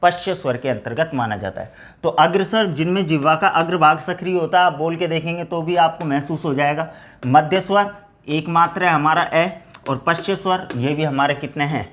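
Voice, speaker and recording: A male teacher runs an exam-prep grammar lesson at a moderate pace, often addressing his students as friends. He poses rhetorical questions and then answers them himself, his voice dropping lower and quieter each time.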